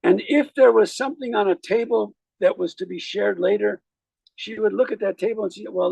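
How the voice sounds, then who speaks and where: A man speaking as a rabbi at a graveside, giving a eulogy in a measured, reflective way with deliberate pauses. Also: sits high, creaky, darkish tone, breathy edge, dry recording, poor audio. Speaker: rabbi officiating at a funeral.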